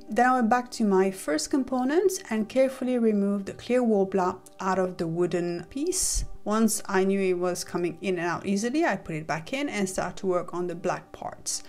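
Woman, tutorial voice-over, methodical and practical, middle pitch, light music bed behind. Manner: calm, methodical, practical explanation. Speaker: model maker explaining her build.

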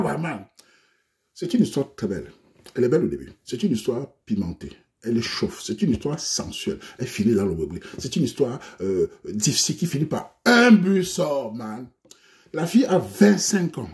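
A man's voice: medium pitch, a little mellow. A Cameroonian man telling a comic story in a theatrical, mocking way, full of slang, with a Cameroonian French accent. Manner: théâtral, moqueur, plein d'argot. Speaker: comedic storyteller.

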